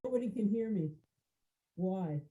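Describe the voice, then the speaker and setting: A woman on a commission meeting call, coming through a faint speakerphone line and calling out loudly to be heard. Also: mid-range voice, lively intonation, measured pace, breathy edge. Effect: over a faint speakerphone line. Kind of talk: meeting remarks by phone. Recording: muffled, distant phone audio.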